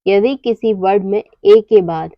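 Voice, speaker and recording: A woman teaching English word pronunciation, explaining each word slowly and answering her own questions. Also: medium pitch, no echo, muffled recording. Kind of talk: slow explanatory lesson.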